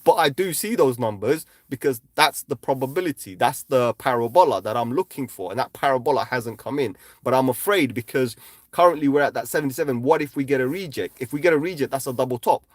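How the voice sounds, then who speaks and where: A man casually walking viewers through trading charts on a livestream. He talks emphatically, speeds up in bursts, slows down to stress his points and keeps tagging lines with "right?". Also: mid-range voice, dry recording, clean studio sound. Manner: emphatic, repeats "right?" constantly. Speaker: crypto chart analyst livestreaming.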